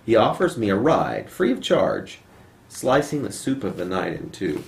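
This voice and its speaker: Reading poetry live in a home, this male poet speaks at a moderate pace in a fairly low, sing-song voice with some vocal fry. No dedicated microphone was used; the camera picked up the audio, so this amateur clip has room echo and faint noise.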